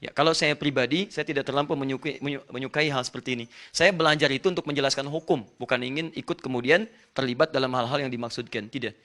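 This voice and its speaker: A man's voice: mid-range voice, fast, fairly bright tone. A man preaching an Islamic lecture, explaining in an emphatic way and speaking straight to his audience. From Indonesia. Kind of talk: religious lecture.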